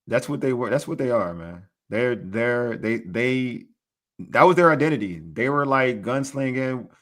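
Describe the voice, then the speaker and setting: A man with a mid-range voice hosts a laid-back sports podcast. He talks in an animated, hyped way, swinging between loud excitement and quiet asides, and he keeps repeating phrases and ending them with "man". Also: mid-range voice, unhurried. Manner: animated, hyped, repetitive, tags lines with "man". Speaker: podcast host. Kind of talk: casual sports podcast chat.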